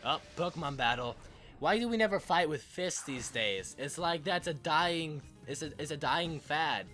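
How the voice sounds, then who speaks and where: A man's voice: fairly high pitch, expressive, moderate pace, pushed and bright, soft background music. A man hosting a let's play, joking and rambling in casual commentary.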